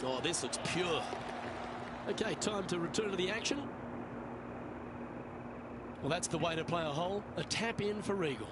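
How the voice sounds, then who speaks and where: A man's voice: high voice, lively intonation, normal speed, pauses often, very noisy. A man calling golf as the lead commentator in a sports video game. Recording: loud outdoor ambience behind commentary. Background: loud outdoor ambience.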